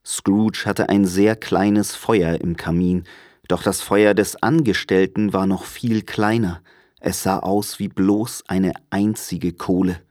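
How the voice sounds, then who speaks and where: A man narrating an audiobook in a calm, measured storytelling manner. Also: low voice, dry recording, clean studio sound. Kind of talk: audiobook reading.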